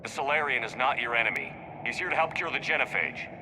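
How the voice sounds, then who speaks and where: An actor playing a steadfast human military commander in a video game, firm and plain-spoken. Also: male voice, mid-range voice, fast talker, background noise, close to an everyday voice.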